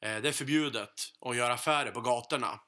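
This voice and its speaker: A man from Sweden in his thirties, a podcast co-host telling a profane, animated anecdote in casual chat. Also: mid-range voice.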